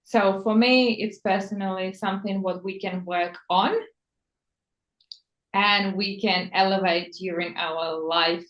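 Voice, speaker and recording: A woman from the Czech Republic, a native Czech speaker, talking slowly as a personal stylist in an interview, searching for words in English. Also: mid-range voice, fairly even intonation, a bit bright, muffled recording. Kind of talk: conversational interview. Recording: echoey room.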